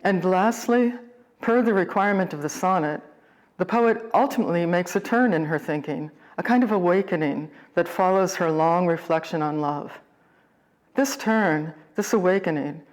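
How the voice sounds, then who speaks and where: Woman poet host, lower voice, measured scripted lecture on form. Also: a little mellow. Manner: measured, deliberate, reflective.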